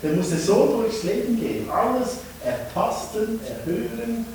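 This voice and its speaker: Animated male preacher in an echoey church. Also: high-pitched, a little slow, recorded from a distance, a little hiss or hum. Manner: animated storytelling, acting out shouts and hushes. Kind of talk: family service children's sermon.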